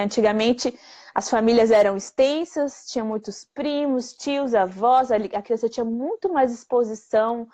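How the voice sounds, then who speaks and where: Woman in her 30s, speech therapist answering questions live, lively and chatty, slightly high voice. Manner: lively, rhetorical questions, plain-spoken. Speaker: channel host answering viewer questions. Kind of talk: live Q&A explainer. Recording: dull lo-fi livestream audio.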